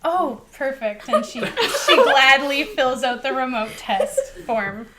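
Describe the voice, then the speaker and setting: A woman running a tabletop game as game master, chatty and quick to laugh. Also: sits high, animated, a crowd in the background.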